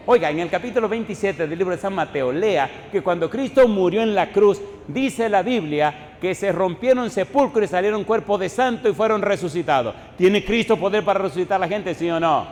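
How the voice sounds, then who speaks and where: Preaching pastor man in echoing hall. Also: on the high side. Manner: calls the congregation with repeated yes-or-no questions; swings from loud exclamations to hushed soft storytelling. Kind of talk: sermon. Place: church sanctuary. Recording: church hall reverb, faint room noise.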